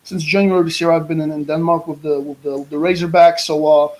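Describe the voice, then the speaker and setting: Speaking quickly with little pitch movement, this Polish-born American football coach delivers a lively guest talk on a video call and often starts his words over. His voice sits a little high with a slightly mellow quality, and his accent is Polish tinged with mid-Atlantic English. Audio quality is poor.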